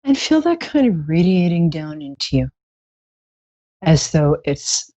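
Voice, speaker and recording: A woman's voice: sits low, sing-song, measured pace, warm tone, dry recording. A woman hosting a live psychic show in a casual, chatty way, with playful, theatrical endearments. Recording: slightly dull, lo-fi stream audio.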